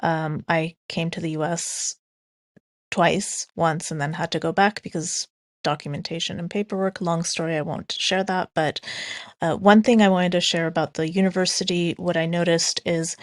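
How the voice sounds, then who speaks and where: A woman's voice: lowish voice, fairly even intonation, moderate pace, no room sound, clean studio sound. A woman from Iran speaking in an online audio chat room, earnest and casual, with frequent ums and restarts. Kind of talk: casual spoken remarks.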